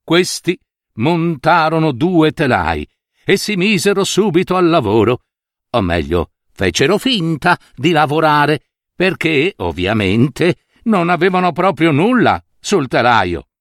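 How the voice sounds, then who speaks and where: A man reading a fairy tale aloud, expressive and playful, with occasional asides. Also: fairly high pitch, measured pace, no room sound, clean studio sound. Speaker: storyteller.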